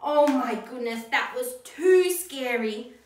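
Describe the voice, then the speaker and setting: A young adult woman reads a picture book aloud to children in a small indoor classroom, with a theatrical, exaggerated style and dramatic gasps. Her voice is high-pitched, expressive, and slow. A camera a short distance away picks her up, so the room sounds echoey and the microphone slightly distant.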